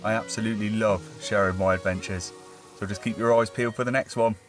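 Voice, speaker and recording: A man narrating the outro of his fishing vlog in an upbeat, relaxed voice-over. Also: lowish voice, fast, faint music behind. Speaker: fishing vlogger.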